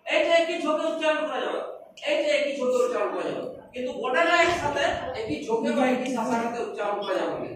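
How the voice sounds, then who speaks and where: A woman's voice: high voice, animated, quick pace, slight background noise. A woman teaching young children English, patiently stretching words out syllable by syllable. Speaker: primary school English teacher. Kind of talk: classroom lesson explanation. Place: classroom. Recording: echoey classroom, recorded from a distance.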